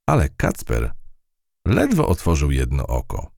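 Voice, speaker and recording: Deep-voiced man reading a storybook, gravelly, slow and very lively in pitch. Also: no room sound, clean studio sound. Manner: expressive, unhurried storytelling. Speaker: narrator.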